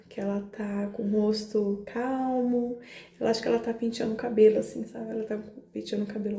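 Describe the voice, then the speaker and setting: A woman's voice: a little high, vocal fry, dark tone, echoey room. A woman with a São Paulo–area Brazilian accent telling a personal story on her vlog, emotional and hesitant, often repeating words. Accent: Brazilian Portuguese, São Paulo area. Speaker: astrology vlogger.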